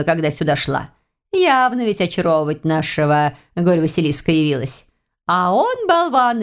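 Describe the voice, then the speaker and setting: A woman voicing a sarcastic, gossipy lizard woman healer who hisses and mocks, in an audiobook. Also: fairly low pitch. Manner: hissing, mocking, exclaiming.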